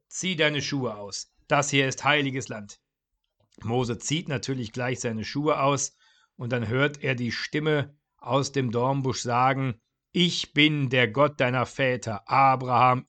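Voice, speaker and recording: A man with an average-pitched voice hosts his own podcast, retelling Bible stories. He tells them in a lively, chatty way, as if talking to his listeners. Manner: lively, conversational storytelling. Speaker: podcast host.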